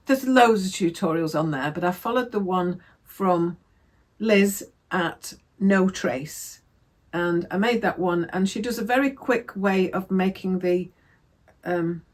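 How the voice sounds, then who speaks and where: Woman from england chatting about her sewing, rambly, keeps correcting herself, mid-pitched voice. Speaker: sewing vlogger. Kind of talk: casual crafting chat.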